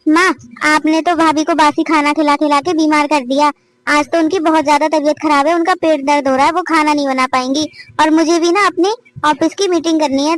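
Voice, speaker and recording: A woman's voice: high voice, a bit bright, dry recording. A woman voicing a caring, firm young sister-in-law in a cartoon family drama, lecturing her mother.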